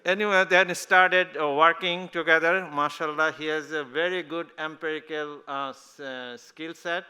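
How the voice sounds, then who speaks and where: A man's voice: on the high side, steady tone, normal speed, pushed and bright, smooth. A man moderating a conference panel, talking in a loose, rambling way and laughing easily.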